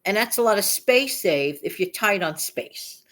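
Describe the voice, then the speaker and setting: A channel host with a slightly nasal, medium-pitched, fairly bright voice speaks expressively and unhurriedly in a casual, chatty vlog. She talks emphatically and repeats phrases for effect.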